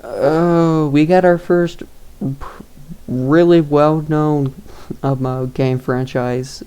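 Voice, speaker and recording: A man's voice: on the high side, fairly even intonation, takes it slowly, dark tone, clean tone. A young man giving casual tier-list commentary, rambling and hesitant with lots of fillers and chuckles. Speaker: YouTuber ranking games.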